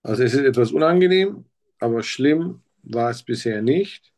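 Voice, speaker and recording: Acting as a patient in a practice doctor interview, a man speaks tentatively, reaching for his words. His voice is mid-range and a little mellow, with lively intonation and a normal speed.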